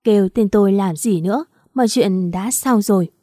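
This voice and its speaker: A woman's voice: mid-range voice, moderate pace, dark tone, no room sound, studio quality, close to an everyday voice. A woman voicing a torn young husband who pleads and clings, reading a storybook. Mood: weary.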